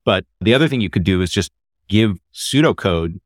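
A man hosting a podcast, explaining things in a measured, steady way. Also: sits low, no room sound, studio quality. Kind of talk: casual conversation.

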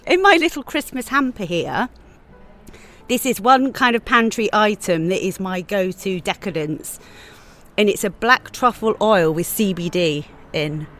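Chatty woman chef, animated and lively. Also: mid-range voice, a little slow, faint music behind. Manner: chatty, animated, with frequent laughs. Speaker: chef, podcast guest. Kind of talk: casual chat. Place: outdoors on church steps.

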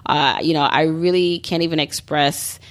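A woman's voice: low voice, steady tone, normal speed. A woman in her thirties hosting her own podcast, talking in a chatty, upbeat and encouraging way with plenty of "like" and "you know". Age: 30s. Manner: chatty, upbeat, motivational, many fillers. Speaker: podcast host. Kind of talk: solo podcast monologue.

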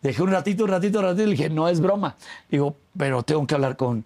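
Mexican man, middle-aged, slightly high gravelly voice, chatty anecdote-teller in an interview. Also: animated, rapid-fire, darkish tone. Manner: chatty storyteller, repeats words, quotes family in dialogue. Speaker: interview guest. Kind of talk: casual interview chat.

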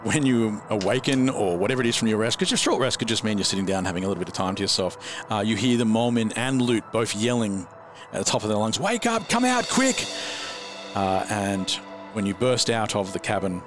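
Chuckling dungeon master. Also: male voice, fairly low pitch. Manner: relaxed, chuckling, rambling asides. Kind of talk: narrating a tabletop game.

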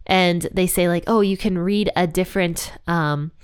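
A congested woman with a head cold hosts a casual Bible devotional podcast, talking directly to her listeners. Her voice is fairly low, clear, and resonant, with a steady tone and moderate pace.

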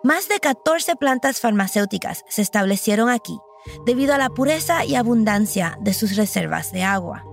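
A woman's voice: medium pitch, expressive, moderate pace, creaky, soft background music. A woman hosting and narrating a documentary podcast in a personal, reflective storytelling manner. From Puerto Rico.

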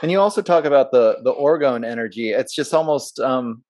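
A man's voice: mid-range voice, fairly quick, darkish tone, no room sound. A man hosting a casual interview, asking tentative, rambling questions that restart partway through. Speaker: interview host.

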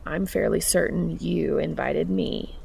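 A woman voicing a gentle adult man who speaks low, quiet and close, reading a storybook. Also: a little slow, vocal fry, slightly rough, full character voice. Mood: soft, reassuring. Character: gentle, soft-spoken adult man on a date.

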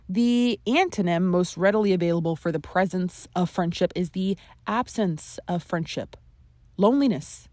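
With no room sound at all, this solo podcast episode features a young adult female host whose mid-range voice is a little mellow. She talks in an earnest, conversational way, adding playful emphasis.

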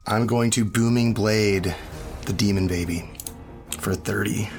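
A man's voice: on the low side, steady tone, unhurried, darkish tone, soft background music. A man chatting casually as a player in a tabletop role-playing game, calling out his moves.

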